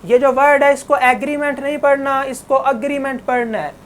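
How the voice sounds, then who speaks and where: A woman's voice: high-pitched, a little fast. A woman giving an online English lesson, patiently explaining words and correcting pronunciation. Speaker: English teacher. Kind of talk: online classroom lecture.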